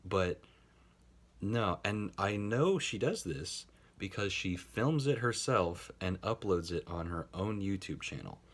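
A man's voice: low voice, lively intonation, takes it slowly, a bit bright. A man making a casual commentary video, talking sarcastically with swearing and laughing asides. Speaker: YouTube commentator.

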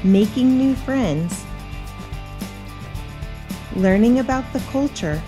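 A woman's voice: on the high side, animated, takes it slowly, music in the background. A middle-aged American woman hosting a travel vlog from inside a car, asking friendly, curious questions. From United States. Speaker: vlog host. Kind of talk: casual travel vlog, interviewing. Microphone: camera on dashboard.

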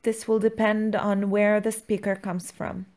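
A woman's voice: medium pitch, level tone, measured pace, a little mellow. Woman teacher narrating a scripted lesson. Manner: instructional, enunciates words and repeats them. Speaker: language teacher, channel host.

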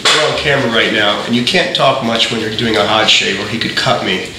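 A man's voice: fairly low pitch, brisk, noisy background. Boastful male TV host in echoey shop. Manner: boastful, playful showman. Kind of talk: casual on-camera chat. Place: large barber shop indoors. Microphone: far camera mic. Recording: echoey room, far from mic.

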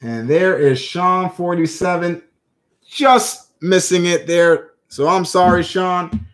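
Male auction host with a high voice and an unhurried pace; chatty, calls bids like a sports commentator. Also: fairly bright tone. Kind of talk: live-stream coin auction patter.

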